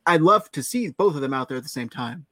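A man's voice: fairly high pitch, animated, quick pace, a bit bright, dry recording. Male podcast co-host, dry close sound, enthusiastic with sarcastic asides. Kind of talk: casual sports chat.

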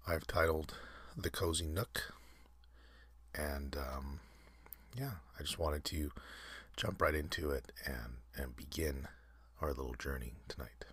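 A man hosting an ASMR channel, leading a soft, halting whispered guided meditation with many pauses and fillers. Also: a bass voice, husky, dry recording. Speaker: ASMR host.

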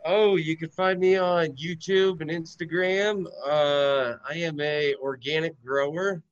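A man from Michigan, a guest grower, speaking slowly with lots of fillers over a choppy internet connection that keeps breaking up. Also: a little high, steady tone, smooth, dry recording. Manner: slow, halting, many fillers. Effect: choppy bad internet connection. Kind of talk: casual interview over a call. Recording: dull, dry lo-fi call audio.

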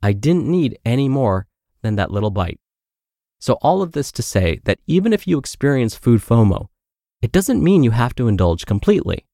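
A man hosting a podcast, reading a blog post aloud in a steady, clear way and then adding his own commentary with light self-aware humor. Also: medium pitch, moderate pace, dry recording, studio quality. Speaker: podcast host.

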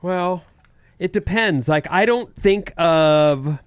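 A man in casual chat, talking through advice in a relaxed way with pauses. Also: high voice, clear, resonant tone, no room sound.

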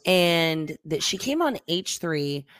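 Lower-voiced woman telling stories. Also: very animated, slow pace, a bit bright, dry recording. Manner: storytelling, acts out quotes, laughs often. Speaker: podcast co-host. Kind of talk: casual chat.

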